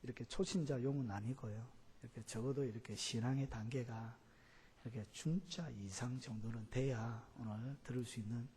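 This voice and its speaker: A pastor preaching a sermon, constantly filling with the same filler word and questioning the congregation. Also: male voice, medium pitch, fairly even intonation, normal speed, warm tone, husky. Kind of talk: sermon teaching. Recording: long church hall reverb.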